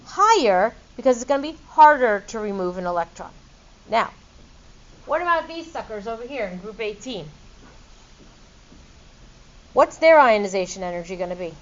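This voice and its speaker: A woman's voice: fairly high pitch, lo-fi sound. A middle-aged woman teaching a chemistry class, quizzing students in a playful, upbeat way. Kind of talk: classroom lecture.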